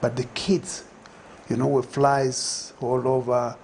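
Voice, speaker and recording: Recorded via lapel mic on a TV studio set, an older man with a Zambian accent reflects slowly in a medium, slightly mellow voice with little pitch movement. He uses many fillers and restarts in this conversational interview, with slight background noise audible.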